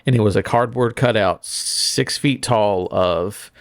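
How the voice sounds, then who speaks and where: Gravelly, low-voiced man rambling casually. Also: unhurried, no room sound, studio quality. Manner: rambling, profane. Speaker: podcast co-host. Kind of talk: casual chat.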